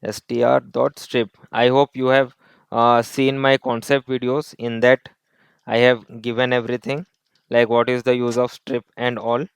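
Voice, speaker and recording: A man's voice: medium pitch, level tone, unhurried, clear, resonant tone, no echo. Man explaining code step by step. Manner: explains step by step, repeats points, mixes in Hindi tag words. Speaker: coding tutor. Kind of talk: screen-recorded coding lesson.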